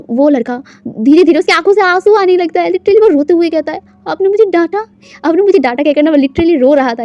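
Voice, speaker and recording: Chatty high-voiced woman storyteller. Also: dark tone, dry recording, highs cut off. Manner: chatty, with frequent English words and fillers. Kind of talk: casual story narration.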